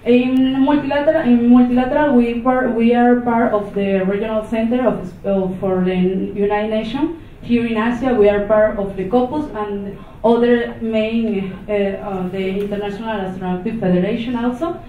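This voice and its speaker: Speaking English as a second language, this Venezuelan-accented presenter delivers an off-the-cuff conference talk, stumbling through restarts and fillers. Her fairly high voice keeps a steady tone. The capture is distant, echoey and phone-like, with slight background noise in the hall.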